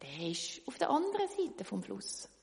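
A woman tells a children's story lively, speaking straight to her young listeners. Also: medium pitch, normal speed, creaky. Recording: long reverb.

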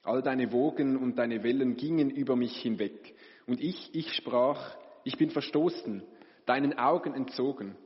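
A man reading scripture aloud in a slow, even, solemn manner. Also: mid-range voice. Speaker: scripture reader. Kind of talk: liturgical Bible reading. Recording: reverberant hall, dull lo-fi sound.

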